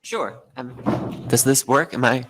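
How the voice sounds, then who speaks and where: A man's voice: medium pitch, unhurried, background noise. A young man from northern Germany speaking as a panel guest, reflective and often correcting himself mid-sentence. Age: young adult. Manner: thoughtful, self-correcting, many fillers.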